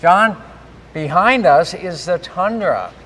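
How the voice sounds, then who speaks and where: A man hosting a live giveaway stream, giving shout-outs and recapping in repeated announcer-like phrases. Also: sits high, expressive, slow. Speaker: host of a live giveaway show. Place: large garage with a stage. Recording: echoey hall with faint background noise.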